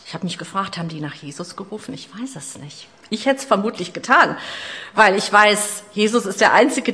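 A middle-aged woman delivers a sermon in a mid-range voice. She retells the story in a personal way, with asides about her own life. She moves between loud, emphatic lines and quiet, hushed ones. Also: medium pitch. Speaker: preacher.

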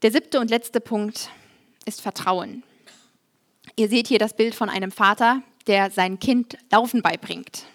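A woman preaching a sermon in a lively, humorous, conversational way. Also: a little high, a little slow.

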